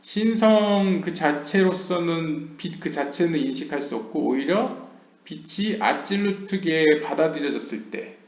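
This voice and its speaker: A man giving a lecture. He reads English passages slowly and explains them at length, with frequent hesitation fillers. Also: on the high side, gravelly. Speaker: lecturer on Kabbalah. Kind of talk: lecture, reading text aloud and explaining. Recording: roomy, dull lo-fi home recording.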